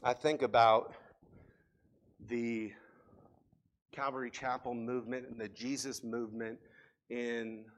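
A pastor delivers a sermon as a story, his voice climbing when the tale turns urgent and sinking low for tender moments. He is a man with a mid-range voice. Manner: impassioned storytelling, rising and falling emphasis.

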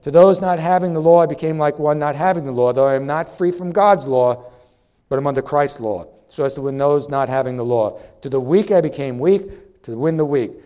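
Middle-aged man, pastor, fiery sermon, sweating, voice on the higher side. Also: a little fast, dark tone. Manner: impassioned, preachy, acts out little dialogues.

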